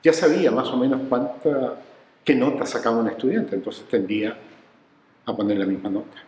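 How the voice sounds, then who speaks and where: In poor audio with an echoey, big-room sound and a little hiss or hum, a man with a medium-pitched voice speaks at normal speed. He's recounting research stories in a reflective interview, bringing the people he quotes to life by performing their voices.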